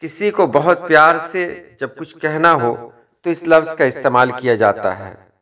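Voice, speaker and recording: A man giving a measured lesson, explaining word usage and quoting verse and example phrases. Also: a little high, pushed and bright. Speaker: language teacher. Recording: distant from the mic.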